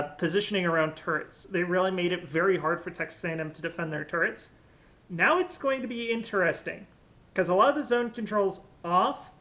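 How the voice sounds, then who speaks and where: A man's voice: high-pitched, bright, forceful tone. A young man solo casting an esports draft, chatty and jokey, thinking aloud on a headset mic. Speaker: esports caster.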